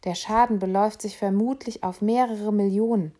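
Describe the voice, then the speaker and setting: A woman reading aloud, voicing two men on a tram chatting about a bank robbery in a quieter tone. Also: medium pitch, steady tone, normal speed, close to an everyday voice. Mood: gossipy. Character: two gossiping male tram passengers. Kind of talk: audiobook reading.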